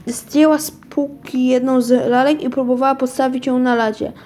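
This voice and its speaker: A woman with a fairly high voice reads a children's story aloud at home, stumbling and correcting herself as she goes. The reading is plain and unrehearsed. A faint hiss runs under the recording. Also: fairly even intonation, moderate pace, warm tone. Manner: unpolished reading with frequent restarts and self-corrections.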